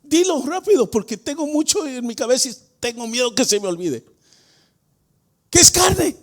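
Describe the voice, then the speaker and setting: A man preaching as pastor of a church, putting questions to the congregation and swinging between quiet explanation and shouted emphasis. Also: extremely high pitch, sing-song, brisk. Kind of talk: Spanish-language sermon. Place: church sanctuary.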